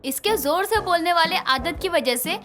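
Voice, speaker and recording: A woman's voice: very high voice, expressive, moderate pace, faint music behind, full character voice. A fretful, scolding mother-in-law. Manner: worried, scolding gently.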